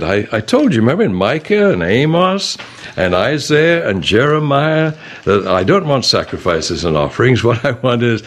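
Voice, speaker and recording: Deep-voiced, lively Bible study teacher. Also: male voice. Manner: animated, conversational, reads scripture aloud.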